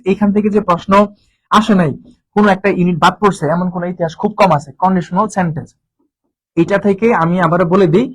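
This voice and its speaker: A Bangladeshi Bengali-accented male tutor with a high voice gives an informal exam-prep lecture. He talks fast, repeats key terms and keeps asking his students rhetorical questions. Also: rough recording. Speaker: admission coaching tutor.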